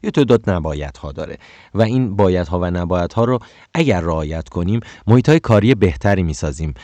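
A man gives career advice in a casual monologue, getting heated and rising sharply when indignant, with many stammers and self-corrections. His voice sits low and sounds mellow, with lively intonation and no echo.

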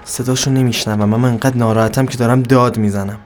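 A man narrating an introspective dramatic monologue in a brooding, halting, bitter way. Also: medium pitch, steady tone, darkish tone, soft background music.

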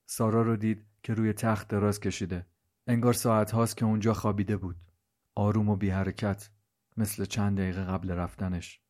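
A man reading a scripted story aloud as narrator, with a slow, measured, hushed delivery. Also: fairly low pitch, little pitch movement.

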